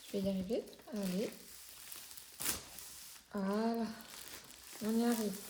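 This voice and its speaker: A woman's voice: mid-range voice, steady tone, slow pace, noisy background. A woman from France hosting her craft channel, chatting casually at home while unboxing, with many hesitant fillers and self-corrections. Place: home indoors.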